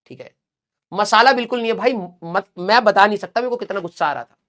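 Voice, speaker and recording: A man, a teacher for exam students, telling a motivational story in an exasperated, animated way with many asides. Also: high voice, fast talker.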